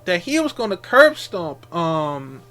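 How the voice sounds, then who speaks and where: A man giving a casual off-the-cuff wrestling recap as a fan, halting and repetitive, with slangy exclamations. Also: sits high, big pitch swings, a bit bright, faint music behind.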